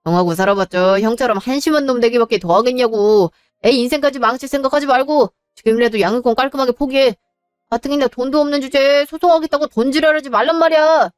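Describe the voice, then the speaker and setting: A woman's voice: sits high, quick pace, smooth, no echo, soft background music, natural voice. Woman voicing a resentful younger son in a story drama, blunt and exasperated, dry close sound.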